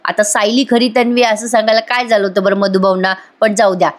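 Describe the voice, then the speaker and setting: A woman's voice: mid-range voice, flat delivery, brisk. A woman recapping a TV serial episode in a chatty style, talking straight to viewers and adding wry asides.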